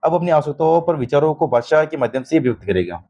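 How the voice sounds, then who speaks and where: A man lectures for an exam-prep class in a somewhat higher voice. He keeps asking quick checking questions and addresses his students as "beta", in a patient, repetitive teaching manner. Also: animated, warm tone, highs cut off. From Rajasthan.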